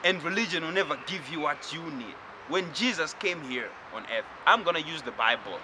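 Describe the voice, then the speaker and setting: A man from Zimbabwe giving a spiritual lecture, talking slowly and reflectively and addressing the listener directly. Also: on the high side, expressive, noisy background.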